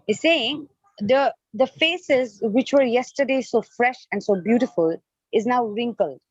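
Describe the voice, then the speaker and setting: Speaking in a fairly high, slightly rough voice with no echo, a spiritual teacher whose first language is Nepali runs an online devotional class. She poses frequent questions and restates her ideas over and over to make them clear, all through muffled, low-fidelity call audio.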